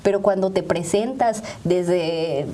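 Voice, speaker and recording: A woman with a Mexican accent joins a panel discussion as a media ethics expert, explaining her points didactically and building her arguments through examples. Her voice is lowish and mellow, and she takes her time.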